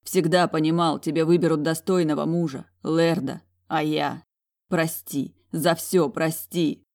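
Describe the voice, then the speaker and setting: A woman's voice: low-pitched, fairly even intonation, unhurried, a little mellow. A woman voicing a proud young man who pleads earnestly for forgiveness, in storybook narration. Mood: pleading.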